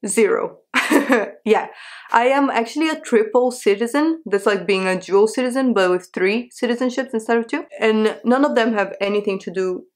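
A woman's voice: a little high, normal speed. Chatty young woman vlogger. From Brazil. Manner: chatty, candid, with frequent laughs and rhetorical questions. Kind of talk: casual talk to camera. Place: small bedroom with a sofa, indoors.

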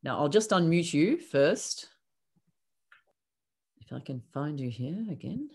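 A woman's voice: low-pitched, lively intonation, slow, a little mellow, slightly rough. Older woman chairing an online session. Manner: polite and brief.

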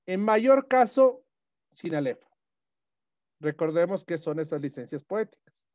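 A man with a fairly high voice teaches a class, laying out rules one step at a time. He keeps checking that students follow with short questions. The sound is dry and close, with little room to it. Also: darkish tone, dry recording. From Ecuador. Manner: explanatory, checking in with frequent "¿sí?". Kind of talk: classroom lesson on poetic meter.

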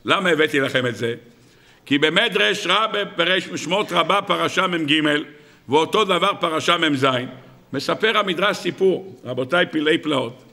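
A rabbi delivering a sermon, telling a parable in an animated, dramatic way and speaking directly to his audience. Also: a little high, creaky. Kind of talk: sermon storytelling.

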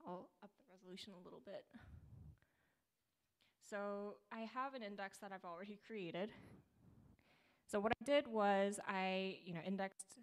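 A woman's voice: medium pitch, normal speed, long pauses. A young woman presenting her startup's product at a meetup, talking casually through a live demo with fillers and restarts. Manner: casual, upbeat, many fillers. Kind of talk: conference talk with live demo. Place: small theater stage.

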